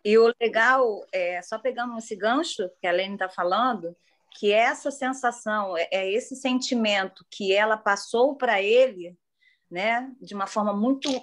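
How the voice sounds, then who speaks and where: A woman teacher on a video call, responding to a colleague in an encouraging way with frequent restarts. Her voice sits a touch higher than most. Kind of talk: casual chat in an online meeting.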